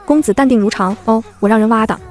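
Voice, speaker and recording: Quick lively woman telling a funny story, bit high voice, soft music behind. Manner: lively, playful, voices every character herself. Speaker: narrator. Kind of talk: first-person story narration.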